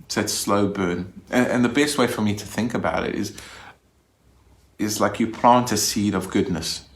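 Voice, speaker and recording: Lowish male voice, conversational minister. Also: moderate pace. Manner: conversational, with frequent restarts. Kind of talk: recorded Sunday reflection.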